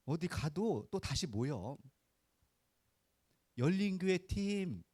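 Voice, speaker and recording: In a clean studio recording with no echo, a man with a slightly high, mellow voice and a breathy edge preaches a conversational Sunday sermon, swinging widely in pitch and taking his time. As pastor, he keeps it folksy and informal, often tossing short rhetorical questions at his listeners and prompting them to answer.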